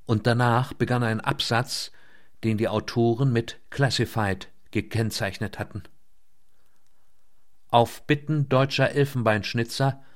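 A man reading a novel aloud in a measured, scripted way, slowing down on key words. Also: medium pitch. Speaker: audiobook narrator. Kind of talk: scripted narration.

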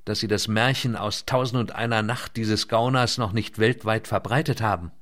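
Man reading calm rescue boss, dry and a bit amused, audiobook quote. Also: on the low side, moderate pace, natural voice. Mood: wry. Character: wry male rescue leader, amused and calm.

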